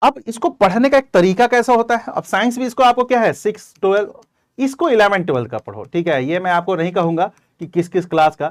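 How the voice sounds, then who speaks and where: A man's voice: high voice, dry recording, studio quality. A man teaching as an exam coaching teacher, giving direct, conversational advice to his students in an informal lecture.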